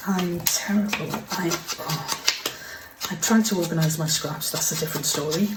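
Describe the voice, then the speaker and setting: At her home desk, a woman walks through a casual crafting tutorial, chatty and apologetic, now and then dropping to a half-whisper. Her voice is on the low side at a moderate pace, and the very noisy, roomy recording has a distant mic and kitchen clatter behind.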